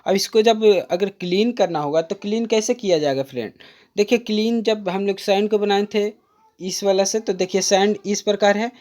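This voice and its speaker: A woman tutor talks students through a diagram in a mellow, warm voice, patient and repetitive. She addresses listeners as friends and slows right down to read out textbook definitions. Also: mid-range voice. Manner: patient, repetitive, addresses viewers as friend, mixes in English terms; reads English definitions aloud slowly. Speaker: diploma course tutor. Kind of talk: exam-prep lecture, explaining a diagram.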